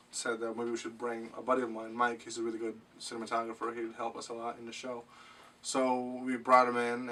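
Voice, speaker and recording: Casting: man from Morocco, podcast guest, bright voice, halting delivery, roomy distant mic with faint hiss. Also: medium pitch. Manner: hesitant, many ums and restarts. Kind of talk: casual podcast chat.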